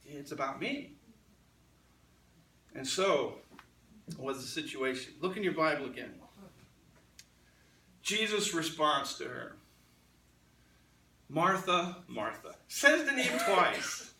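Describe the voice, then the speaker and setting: A man preaching in a church with a high, lively voice that climbs and falls as he acts out quoted lines. His tone is bright and forceful. The sound is roomy and a little distant, caught by a mic set back from the pulpit. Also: takes it slowly, long pauses, slight background noise. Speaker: pastor. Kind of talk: sermon. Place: church sanctuary.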